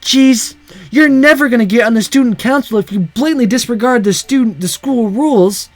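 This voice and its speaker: A man's voice: very high-pitched, moderate pace, no room sound, pitched above the performer's own voice. A man voicing a prim, chiding female student council member in a visual novel. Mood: scolding.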